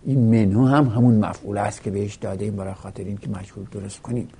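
A man's voice: on the low side, fairly even intonation, creaky, dark tone, breathy edge. A male teacher giving a grammar lesson, explaining step by step and reciting verb conjugations in a rhythmic drill. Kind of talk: Arabic grammar lesson taught in Persian.

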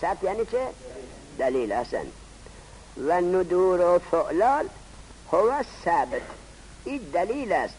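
A man teaching a grammar lesson, posing rhetorical questions and answering them himself in a slow, drawn-out teaching cadence. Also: high voice, very animated, darkish tone, a little hiss or hum, low-quality recording. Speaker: seminary teacher. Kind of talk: classroom lecture on Arabic grammar.

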